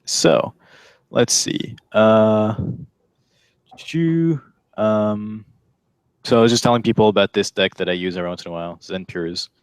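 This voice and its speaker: A man with a fairly deep voice co-hosts a livestream. He chats casually and hesitantly, low-key, in a dry sound with very little room echo. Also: measured pace, clear, resonant tone. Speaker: livestream co-host.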